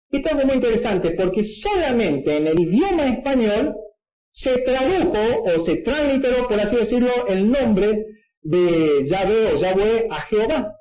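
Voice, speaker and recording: High-voiced man teaching in an echoey room. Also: dark tone. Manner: didactic, frequent checking "¿sí?" asides. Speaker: preacher teaching at a whiteboard. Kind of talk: explanatory Bible teaching.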